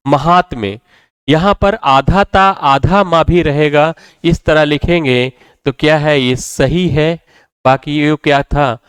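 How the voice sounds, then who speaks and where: A man teaches spelling in a slightly high, crisp voice, repeating every word and quizzing the class with rhetorical questions. The sound is dry and close, with no room echo. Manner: repetitive, drills words and asks rhetorical questions. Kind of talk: classroom lecture.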